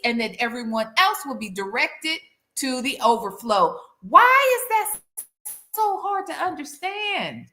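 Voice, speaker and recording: A woman's voice: extremely high pitch, bright, forceful tone. A woman delivering a smug, sarcastic exposé to a live chat as host, mocking and incredulous, repeating phrases for emphasis. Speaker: YouTube content creator, host. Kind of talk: call-out commentary to a live chat.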